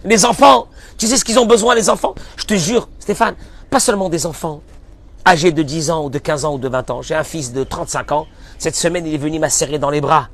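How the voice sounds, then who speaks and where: A man giving a sermon as a rabbi, impassioned, switching between loud bursts and soft murmurs and mixing Hebrew phrases into his French. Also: fairly high pitch, brisk.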